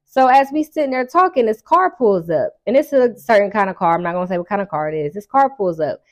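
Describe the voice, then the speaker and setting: A woman's voice: medium pitch, expressive, quick pace. A woman telling a personal story in casual, colloquial chat, animatedly acting out dialogue and stretching key words for emphasis. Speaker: storyteller addressing her audience.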